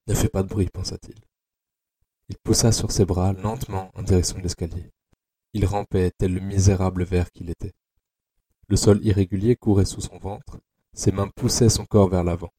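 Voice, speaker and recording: A man narrating an audio adaptation of a dark novel in a slow, measured, tense way. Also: sits low, breathy edge.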